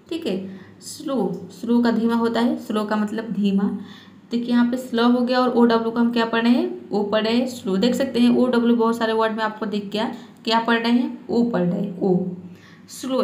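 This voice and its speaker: A woman's voice: on the high side, a little mellow. A woman teaching English reading and spelling rules in Hindi, patiently repeating each point and checking with her viewers. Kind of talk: explaining spelling and pronunciation rules. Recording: echoey room.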